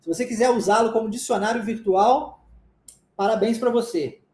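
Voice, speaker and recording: Mellow Brazilian English teacher, echoey room. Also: mid-range voice, normal speed. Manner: drills by repetition, checks understanding often. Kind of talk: live English lesson.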